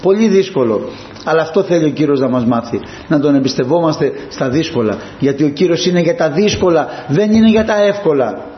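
A male preacher giving an impassioned sermon, moving between hushed asides and high, emphatic peaks, in a church. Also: expressive. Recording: dull, roomy and slightly noisy.

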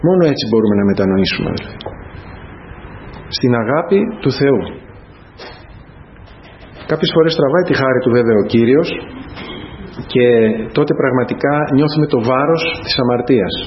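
A man's voice: mid-range voice, expressive, long pauses. A man delivers an earnest sermon in a medium voice, turning again and again to his listeners. The recording is dull and lo-fi, with a faint hiss of noise and ambience behind him. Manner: earnest, repeatedly addressing the congregation as brothers. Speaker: preacher.

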